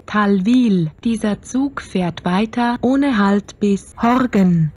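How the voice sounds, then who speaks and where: A woman making formal, scripted train announcements over the intercom, setting each station name apart in a measured way. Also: mid-range voice, darkish tone, slightly rough, faint music behind.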